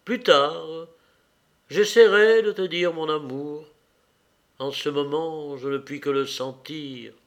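An earnest young nobleman in love, speaking in a moved, solemn voice that sits a little high, as a male reader plays him. He talks slowly and with feeling. It sounds like a character in a read-aloud novel. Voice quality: emotional, earnest. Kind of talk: audiobook character reading.

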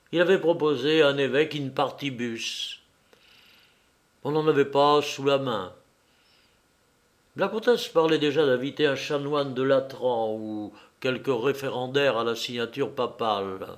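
Slow, measured male storyteller. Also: medium pitch. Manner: measured, expressive. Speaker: narrator. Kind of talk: storybook narration.

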